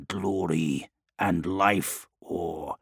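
A man reading an audiobook voices an ancient male demon who possesses a knight, speaking in slow, hissing, whispered threats with a gravelly, breathy sound. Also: deep voice, dry recording, clean studio sound, pitched below the performer's own voice, exaggerated voice. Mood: ominous. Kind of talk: audiobook character voice.

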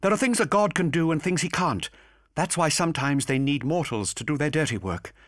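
A man's voice: fairly high pitch, no room sound, clean studio sound, pitched above the performer's own voice, natural voice. A man voicing a fierce young woman agent who speaks in a clipped, defiant way.

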